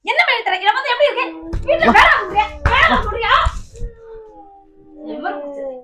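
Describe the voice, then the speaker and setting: A middle-aged woman at home, shouting sharp scolding questions. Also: extremely high pitch, animated, racing. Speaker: prank target, mother. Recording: echoey room with loud noise.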